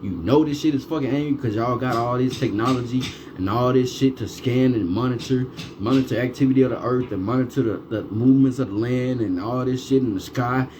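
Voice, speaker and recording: A man's voice: mid-range voice, fairly quick. A man delivering a ranting monologue, swearing heavily and firing off repeated rhetorical questions. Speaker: vlogger. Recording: steady background noise.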